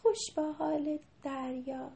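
A woman doing a high-voiced eager little girl. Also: vocal fry. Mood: wistful. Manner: high, excited, cries out loud at times.

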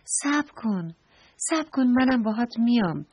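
A woman's voice: a little high, lively intonation, slight background noise, voice pushed up. A woman voicing a sweet little rabbit. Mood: gentle. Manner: gentle, polite, pleading. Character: sweet little young rabbit, kind and eager.

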